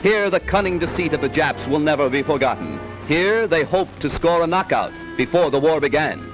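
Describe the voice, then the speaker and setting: A man's voice: fairly high pitch, lively intonation, normal speed. A man narrating a 1940s newsreel in an emphatic, rousing, declamatory style, on an old newsreel soundtrack. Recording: dull lo-fi 1940s film sound with music. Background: music.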